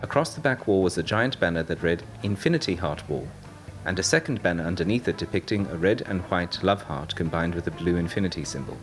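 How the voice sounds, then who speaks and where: A man narrating an audiobook story in a steady, measured way. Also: low-pitched. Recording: narration over loud music.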